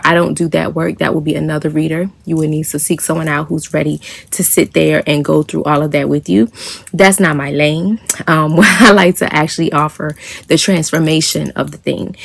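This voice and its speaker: A woman talking to camera about her spiritual practice in a soft, meandering way, with many fillers and small laughs. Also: low voice, creaky, no room sound. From United States. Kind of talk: casual reflective vlog monologue.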